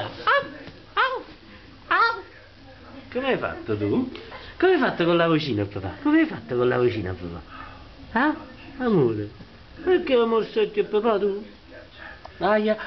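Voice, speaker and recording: A man at home talking affectionately to his dog in cooing baby talk. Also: mid-range voice. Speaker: dog owner. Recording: dull lo-fi home recording with music behind.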